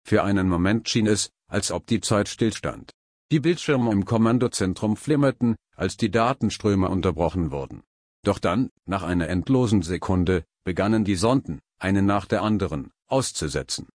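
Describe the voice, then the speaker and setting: A man narrating a science fiction story in an even, dramatic reading style, close to the mic. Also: low-pitched, normal speed, dry recording.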